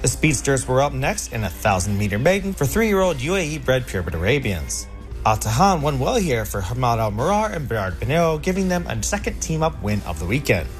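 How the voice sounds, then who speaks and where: A man's voice: mid-range voice, sing-song, brisk. A man presenting a scripted recap of horse racing results as a show narrator. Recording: music bed behind the voice. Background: music.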